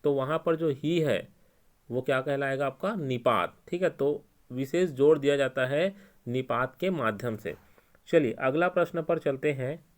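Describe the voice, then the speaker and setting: A man's voice: medium pitch, a little slow. Man explaining exam questions, Chhattisgarhi Hindi accent. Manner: explains step by step, repeating key answers. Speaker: exam coaching teacher. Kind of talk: exam-prep lesson.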